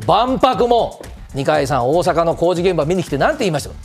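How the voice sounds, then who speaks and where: A man's voice: a little high, big pitch swings, fairly quick, faint music behind. A man explaining politics on a TV talk segment, polite and formal, with many fillers. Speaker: political commentator.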